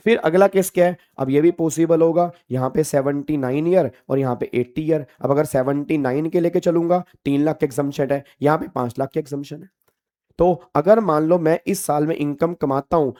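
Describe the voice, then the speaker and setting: This man is a tax law teacher delivering a classroom lecture in Hindi and English. His voice is a little high and mellow, and he speaks emphatically and familiarly to students, returning to key points again and again.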